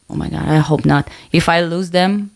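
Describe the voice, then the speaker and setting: Guest: young Ukrainian woman, lowish voice, slow and halting, searching for words. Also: creaky. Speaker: band singer, interview guest. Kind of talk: casual interview chat.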